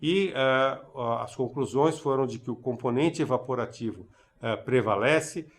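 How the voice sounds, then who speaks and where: A man giving a recorded conference lecture on eye care, halting, with many fillers and restarts. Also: mid-range voice. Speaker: ophthalmology lecturer.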